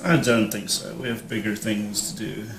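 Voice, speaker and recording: A man's voice: on the low side, fairly even intonation, moderate pace, vocal fry, fairly bright tone. A man playing in a tabletop game, blunt and casual, laughing often. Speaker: player. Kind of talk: casual in-character chat. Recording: roomy echo.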